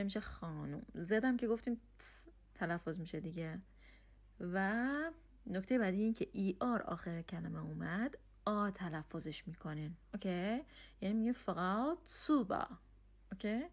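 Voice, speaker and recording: A woman's voice: mid-range voice, animated, muffled recording. Woman teaching German. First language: Persian. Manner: explains step by step, checks in with "okay?". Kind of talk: casual language lesson.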